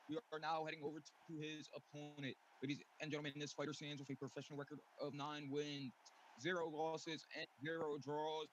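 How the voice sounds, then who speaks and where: A man announcing like a boxing ring announcer, with ceremonial, drawn-out introductions. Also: fairly high pitch, fairly bright tone. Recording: muffled lo-fi mic with faint noise.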